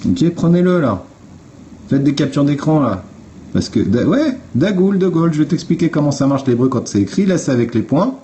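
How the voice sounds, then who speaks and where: With a warm, fairly high voice that swings widely in pitch, a man livestreaming on his phone explains things step by step at a moderate pace. He's blunt and informal, swears, and speaks directly to his viewers; slight background noise is audible.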